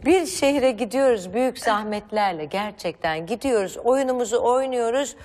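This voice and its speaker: A stage actress chatting as a guest on a talk show, lively and joking. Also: female voice, a little high, moderate pace, in a large hall. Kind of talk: casual TV talk.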